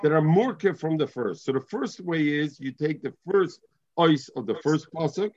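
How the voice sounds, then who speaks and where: A man's voice: a little high, lively intonation, normal speed, a little mellow, highs cut off. A man with a Yiddish-inflected accent teaching an informal Talmud lesson, reading and explaining, often repeating and restating phrases. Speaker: religious teacher.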